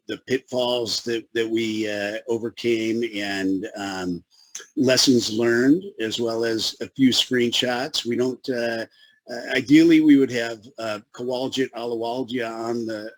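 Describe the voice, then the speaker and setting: Speaking as a consultant in a webinar, this man has a Chicago accent and a fairly low, radio-style voice. His delivery stumbles along with fillers and restarts, and the poor audio carries no room sound.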